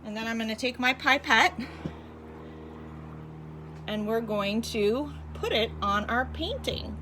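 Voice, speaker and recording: A woman's voice: a little high, expressive, slow pace, pushed and bright, a little hiss or hum. A woman talking like a kids show host, in a child-directed, sing-song teacher's manner, guiding young viewers through a hands-on demonstration. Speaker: children's teacher presenting a home activity. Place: inside a home.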